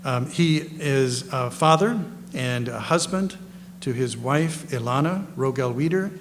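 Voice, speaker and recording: A man's voice: mid-range voice, expressive, unhurried. Rambling man introducing speakers in an echoey hall. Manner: rambling, self-correcting, folksy asides. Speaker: lecture host introducing guest panelists. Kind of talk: informal spoken introductions, partly read from notes. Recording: echoey hall, clear background noise and hum.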